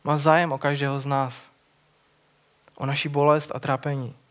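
A man with a slightly high voice delivers a sermon in an earnest, conversational manner. He retells a gospel story, often restarting his phrases and adding little fillers as he goes. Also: level tone, fairly bright tone. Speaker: preacher.

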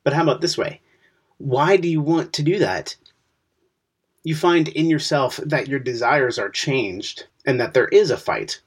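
A podcast co-host explains a Bible passage in casual discussion, posing questions to the listener. His medium-pitched, slightly rough voice moves at a measured pace.

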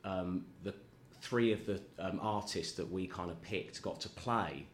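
A man's voice: low-pitched, measured pace, a little hiss or hum. A man in casual chat as a guest, rambling and self-deprecating, often laughing at himself. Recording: echoey room with faint ambience.

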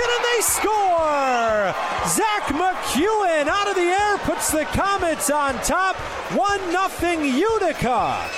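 A man giving rapid, excited hockey play-by-play as an announcer, raising his voice to a shout. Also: very high voice. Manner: excited shouting on goal calls. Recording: loud crowd noise, arena broadcast clip. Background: loud arena crowd.

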